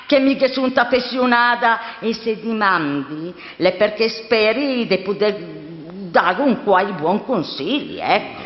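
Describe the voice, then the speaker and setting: A woman's voice: mid-range voice, expressive, takes it slowly. A woman acting a devoted, insistent housekeeper with a Milanese accent, pressing with questions in a theatrical dialect reading. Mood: coaxing. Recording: muffled, echoing hall.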